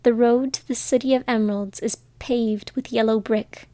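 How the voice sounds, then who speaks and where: A woman's voice: a little high, fairly even intonation, normal speed, no echo, close to an everyday voice. A woman doing a kind old witch. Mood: gentle. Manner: gentle and motherly.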